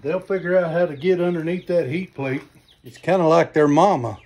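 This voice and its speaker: A man's voice: a little high, a little fast, a little mellow. A man, chatting folksy and casual while filming himself on a phone at a farm. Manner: folksy, chatty, says y'all. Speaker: homesteading vlogger. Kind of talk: casual how-to vlog. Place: farm barn and backyard outdoors. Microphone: phone camera at arm's length.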